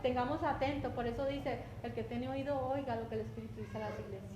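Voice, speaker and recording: Predicadora con acento colombiano, habla cercana y repetitiva, ruido de fondo leve, reverberación de sala. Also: female voice, a little high, steady tone, fast. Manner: conversational, repeats words, often asks "¿cierto?". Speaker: preacher. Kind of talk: sermon. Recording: echoey room with faint background noise.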